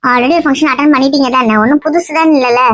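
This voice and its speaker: A woman's voice: high voice, steady tone, no echo. A woman playing a mother who scolds and teases her daughter in a family skit. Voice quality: scolding, teasing, rapid. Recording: dull dry lo-fi sound.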